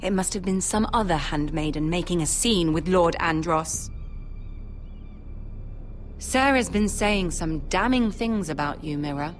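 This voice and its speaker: An actress playing a poised, commanding noble lady in a video game drama, with a measured, courtly manner. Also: fairly low pitch, lightly acted. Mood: stern. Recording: music behind.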